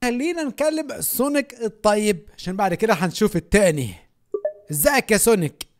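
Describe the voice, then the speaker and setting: A young Egyptian man with an Egyptian Arabic accent, joking and animated as a gaming YouTuber. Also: high voice, fairly quick. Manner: joking, animated, laughs often. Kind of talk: playful gaming commentary.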